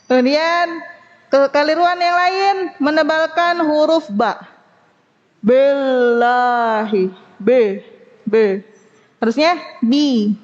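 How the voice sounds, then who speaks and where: A woman teaching Quran recitation to a study group, slowly demonstrating sounds and asking the class to repeat after her. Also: sits high, big-room sound, highs cut off. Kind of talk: women's study group lesson.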